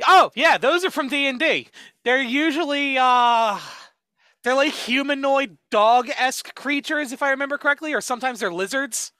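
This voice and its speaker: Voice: high-pitched, sharp tone, no echo. A podcast co-host in casual chat who rambles with lots of "like" and laughs easily. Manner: rambling, full of "like", quick to laugh.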